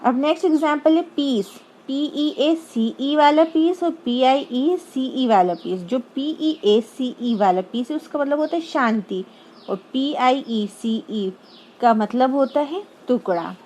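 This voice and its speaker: A woman teacher explaining grammar terms slowly, repeating each term and glossing it in plain words. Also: high-pitched, animated, darkish tone, poor audio. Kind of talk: explaining English grammar lesson.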